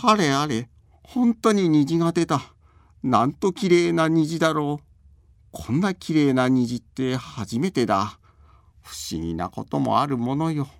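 A man voicing a frail, bedridden old man in a folk tale, speaking slowly in a high, quavering voice. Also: lively intonation, no echo, studio quality. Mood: delighted. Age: older.

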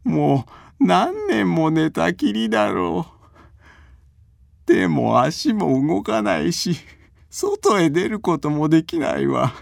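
A man voicing a frail, bedridden old man in a folk tale, speaking slowly in a high, quavering voice. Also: big pitch swings, vocal fry, dry recording, studio quality, exaggerated voice. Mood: wistful. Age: older.

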